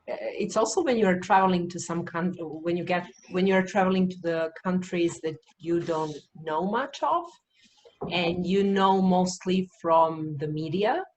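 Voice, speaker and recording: A woman from Serbia, interviewing and slowly summarizing what she hears. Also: fairly low pitch, dull audio, a little hiss or hum. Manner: slow, summarizing, searching for words. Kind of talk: reflective interview questions.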